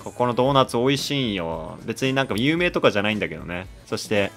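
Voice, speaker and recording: A man in his thirties talks through his week in a laid-back, self-mocking vlog voice. His voice sits fairly low, and soft music plays faintly behind him. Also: quick pace, gravelly. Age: 30s. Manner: relaxed, self-deprecating, chatty. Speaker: vlogger and actor. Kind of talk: casual vlog narration.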